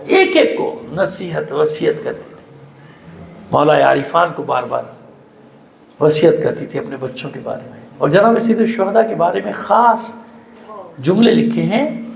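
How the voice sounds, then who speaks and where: A male cleric from Pakistan with a Karachi Urdu accent, delivering an impassioned mourning sermon that rises into high, drawn-out cries. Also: gravelly. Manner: rising to emotional high-pitched cries, drawn-out lament. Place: mosque congregation hall. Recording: roomy mosque hall echo.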